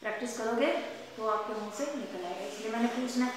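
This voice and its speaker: A woman teacher explaining a practical lesson, repeating points patiently and reading English tongue twisters slowly and deliberately. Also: fairly high pitch, fairly even intonation, noisy background. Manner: repetitive and explanatory, mixing Hindi with English phrases. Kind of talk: recorded classroom lesson. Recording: very echoey hall.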